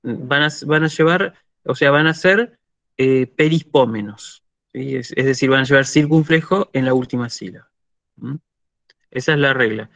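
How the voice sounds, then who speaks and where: A man's voice: mid-range voice, moderate pace, vocal fry, a bit bright, no room sound. A man with an Argentine Spanish accent, teaching a university lecture and often checking in with "¿sí?" while he thinks aloud.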